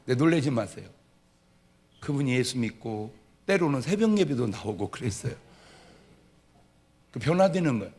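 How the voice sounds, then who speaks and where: A man preaching a lively Sunday sermon as pastor, telling stories with acted-out dialogue and swinging from loud shouts to quiet asides. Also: medium pitch, normal speed, long pauses. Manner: humorous storytelling with acted-out dialogue. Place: church sanctuary. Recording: long hall reverb of a church.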